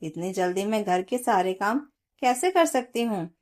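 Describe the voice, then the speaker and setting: A woman's voice: medium pitch, expressive, moderate pace, a little mellow, natural voice. A woman storyteller voicing a young, worn-out new mother who pleads with her in-laws. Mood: pleading. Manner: pleading, weary.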